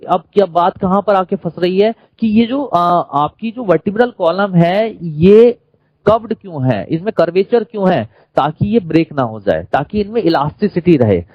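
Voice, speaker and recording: A man's voice: sits high, no echo, highs cut off. A man with an Indian accent teaching a classroom lecture, who keeps quizzing the class and repeating key terms.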